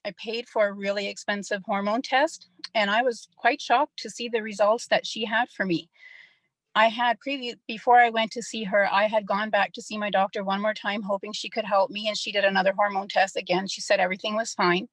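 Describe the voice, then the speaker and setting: A middle-aged woman gives a personal testimonial on an online call. She sounds a little nervous, and her voice sits at an average pitch with a dry, close sound. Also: level tone, a little fast, fairly bright tone, no room sound, low-quality recording. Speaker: customer giving a testimonial.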